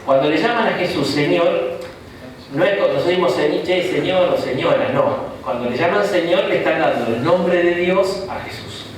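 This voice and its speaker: Giving a casual Bible lesson, a bishop with a Rioplatense Argentine accent talks in a fairly high voice at a moderate pace. He jokes and chats, frequently adding "¿no?" as a rhetorical question. The mic is distant, and the room echoes.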